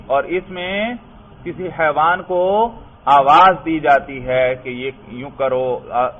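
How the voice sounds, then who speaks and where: A man from Pakistan teaching Arabic grammar in a classroom lecture. He keeps asking the class questions, answers them himself and calls his listeners brother. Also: fairly high pitch. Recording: tinny phone-like lecture recording.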